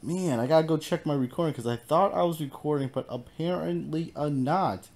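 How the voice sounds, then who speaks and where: A man's voice: on the high side, a little fast, gravelly, a little mellow. A man hosting a gaming channel, giving casual, upbeat gameplay commentary and encouraging viewers with a loose, filler-heavy way of talking.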